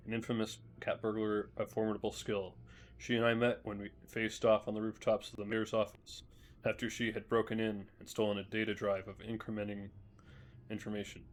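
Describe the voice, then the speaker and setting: A male streamer reading journal entries from a video game aloud in a measured way, with small restarts. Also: fairly low pitch.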